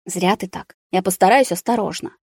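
A woman voicing an anxious middle-aged mother who speaks softly and pleadingly, close to tears. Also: medium pitch, normal speed, slightly rough, no echo. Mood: worried.

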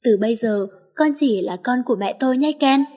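A woman voicing a protective young mother who speaks softly and soothingly to her son in an audiobook story. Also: fairly high pitch, fairly quick, lightly acted. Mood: tender. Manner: soft, soothing.

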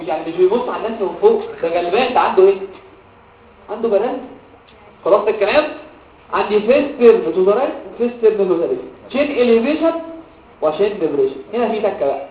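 A man's voice: high-pitched, rapid-fire, far from the mic. A man with an Egyptian Arabic accent lecturing medical students, mixing in English medical terms and quizzing the class. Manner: animated, asks the class questions and answers them himself; mixes English medical terms into his talk. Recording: tinny phone-like audio, echoey room, from afar.

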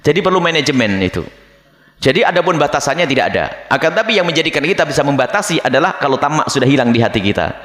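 Male preacher, fairly high, bright and forceful, animated delivery, echoey hall with long reverb. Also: quick pace. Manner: animated, acts out the voices of people he describes. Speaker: Islamic preacher. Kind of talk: religious lecture to a congregation.

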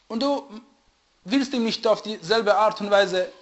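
A man giving a religious lecture who often stops to search for the right word and checks whether listeners follow. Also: high voice. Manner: often pauses to search for German words; asks listeners to confirm they follow. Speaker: religious teacher. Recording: dull lo-fi recording.

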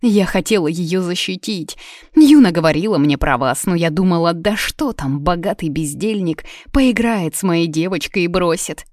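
A woman's voice: on the low side, expressive, moderate pace, a little mellow, no room sound, clean studio sound, lightly acted. A woman voicing an older village healer-witch who begs and sobs before a king, in a storybook reading. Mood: tearful. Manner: tearful, begging.

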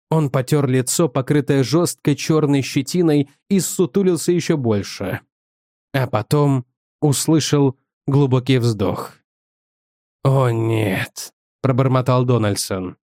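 A man's voice: medium pitch, warm tone, dry recording. Dry, close male audiobook narrator. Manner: measured, dramatic storytelling. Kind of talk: scripted narration.

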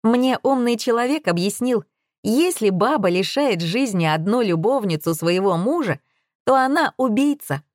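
A woman's voice: on the high side, expressive, normal speed, no room sound, clean studio sound, voice pushed up, lightly acted. A woman voicing a brash, scheming woman who lectures everyone with full self-assurance. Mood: lecturing. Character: brash scheming woman, shrill and sure of herself.

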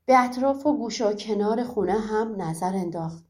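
A woman narrating a folk tale audiobook in a measured storytelling voice. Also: mid-range voice, a little mellow.

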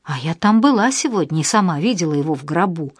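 A woman's voice: lowish voice, animated, fast, breathy edge, dry recording, studio quality. A woman reading the part of an older heroine who answers a blackmailer boldly and mockingly in an audiobook. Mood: defiant. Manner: bold, mocking. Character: older woman, sharp and quick-witted.

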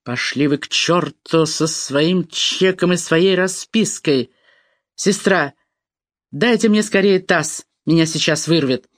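A woman's voice: low-pitched, slow pace, dry recording. A reader voicing a frightened young woman who defiantly refuses an operation, in an audiobook. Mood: furious. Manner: pleading, then defiant. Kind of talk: audiobook dialogue.

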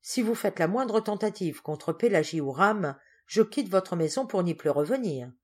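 A woman's voice: on the low side, expressive, normal speed, a little mellow, husky, voice pushed up. A woman reading the part of an impassioned young man pleading with his father, in a fervent, declamatory way. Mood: indignant.

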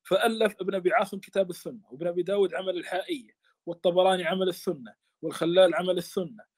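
A man's voice: sits high, racing, darkish tone. A man teaching a study lesson on a classical text, speaking with passion and often stammering and repeating words.

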